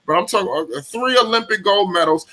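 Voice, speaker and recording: A man in his late twenties hosting a casual sports debate, animated, swearing freely and cutting in. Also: sits high, fairly quick. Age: 20s. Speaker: show host.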